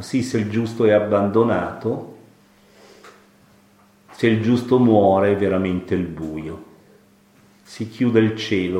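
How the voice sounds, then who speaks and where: A man gives a slow, unhurried sermon in a voice of middle pitch. He works through a Bible passage reflectively, repeats key phrases and asks his listeners rhetorical questions. The sound is echoey, as in a large room. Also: a little mellow.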